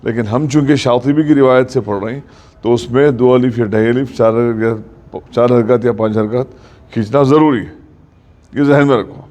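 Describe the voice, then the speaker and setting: A man teaching a mosque class on Quran recitation. He explains the rules patiently, checks that students follow, and recites verses slowly as examples. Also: mid-range voice, steady tone, darkish tone. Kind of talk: classroom lesson.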